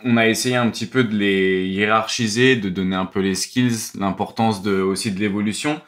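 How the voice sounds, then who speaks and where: A man speaking as a podcast guest in casual chat, with halting phrasing and repeated starts. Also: lowish voice, steady tone, a bit bright. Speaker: podcast guest, basketball commentator.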